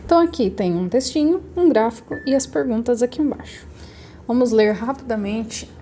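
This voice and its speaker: Brazilian woman teacher, slightly high mellow voice, talks through each answer patiently for a recorded lesson. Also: moderate pace, slight background noise. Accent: Brazilian Portuguese. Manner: patient, explains step by step with rhetorical questions. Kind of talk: recorded lesson correcting homework.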